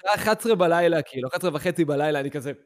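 A young man on a casual podcast telling a story with animated, acted-out dialogue. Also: on the high side, no room sound, clean studio sound. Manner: animated, acts out voices in his stories. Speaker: podcast co-host.

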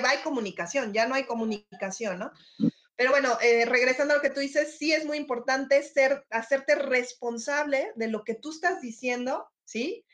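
Middle-aged woman teacher chatting over a video call, high voice, loud and emphatic, keeps checking you follow. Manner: teacherly, frequent tag questions. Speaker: podcast guest. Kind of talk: casual conversation.

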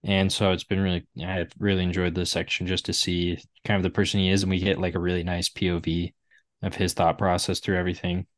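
A man's voice: sits low, level tone, fast talker, no echo, clean studio sound. A man co-hosting a casual book discussion podcast, rambling with lots of "like" fillers. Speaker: podcast co-host.

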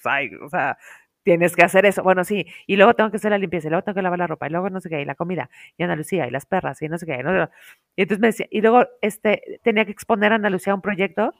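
A woman's voice: fairly low pitch, no echo, studio quality. A woman with a Mexican accent in casual conversation, telling a story and acting out the lines of the people in it. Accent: Mexican Spanish. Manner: animated storyteller acting out quotes. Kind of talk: casual chat.

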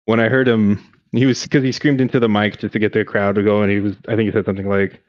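A lower-pitched man talks fast and loose, recapping wrestling shows with excitement and plenty of cursing. His voice comes through dry and a bit dull and lo-fi, like a home podcast mic. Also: no room sound. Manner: excited, swearing, recaps matches in detail. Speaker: podcast co-host. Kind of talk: casual chat.

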